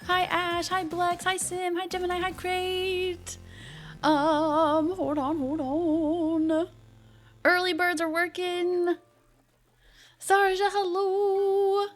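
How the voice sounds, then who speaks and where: Picture a woman livestreamer with a high voice and a playful gamer-girl manner. She chats casually with her viewers in a bubbly, chirpy way. Music plays softly behind her. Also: flat delivery, slow. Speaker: live streamer host. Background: background music.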